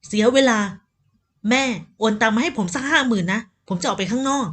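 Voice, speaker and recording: A woman's voice: on the high side, fairly quick, husky. A woman voicing a spoiled, lazy rich young man who talks insolently and carelessly. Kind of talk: audiobook character voice.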